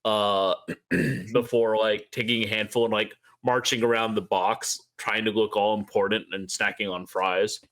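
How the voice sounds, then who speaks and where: A man with a fairly low voice takes part in a tabletop role-playing game. He speaks in a casual, improvised way as he describes his character's actions. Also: little pitch movement, a little slow, a bit bright, low-quality recording.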